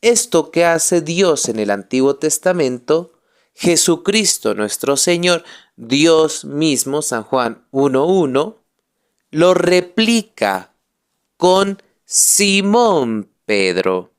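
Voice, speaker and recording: Male friar lecturing on catechism, slow deliberate delivery, smooth clear voice, emphatic repetition. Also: on the high side, sing-song. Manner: emphatic, repeats phrases, leans on key words.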